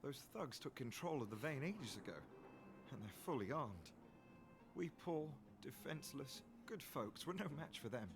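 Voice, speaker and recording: A man's voice: mid-range voice, sing-song, normal speed. A man voicing a meek, weary young miner in a video game, speaking hesitantly. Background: game music.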